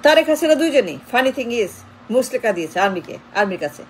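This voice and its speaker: A woman's voice: on the high side, sing-song, brisk, slight background noise, poor audio. A woman giving a political commentary monologue, emphatic and insistent, driving her points home with repeated rhetorical questions.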